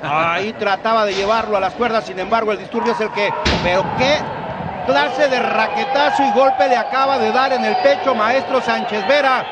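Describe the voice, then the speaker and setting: A Mexican man leads the wrestling commentary with a very high, emphatic voice. He sounds excited and repeats words for effect. The arena crowd and noise are loud behind him. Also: normal speed. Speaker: lead wrestling commentator and host. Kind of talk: excited live lucha libre commentary.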